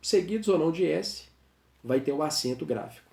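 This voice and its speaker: A man teaching a grammar lesson, patiently explaining rules and repeating examples slowly. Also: on the high side, lively intonation, gravelly, darkish tone. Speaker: Portuguese teacher. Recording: echoey room.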